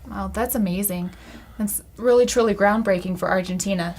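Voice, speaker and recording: A woman's voice: mid-range voice, fairly quick, darkish tone. A woman in her thirties hosting a seated interview. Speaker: interview host. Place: TV studio, seated at table.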